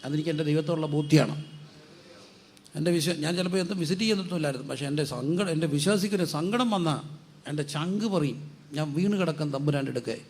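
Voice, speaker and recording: A man preaching as a guest pastor, asking rhetorical questions, answering them himself and urging the congregation to repeat after him louder. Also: a little high, fast talker. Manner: drives call-and-response, urging the crowd to say it louder. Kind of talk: sermon.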